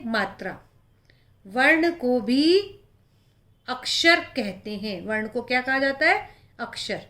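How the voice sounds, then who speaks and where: Patient schoolteacher, female, high and unhurried, talks young pupils through examples. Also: a bit bright. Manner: slow, patient, repeating each example for children. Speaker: teacher. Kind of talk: primary-school grammar lesson.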